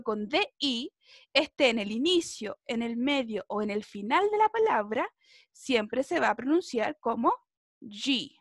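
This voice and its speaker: Brief: woman language teacher, high voice, encouraging, dry close mic. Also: no echo. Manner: encouraging, drills pronunciation with students. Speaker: Portuguese teacher. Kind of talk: online language class.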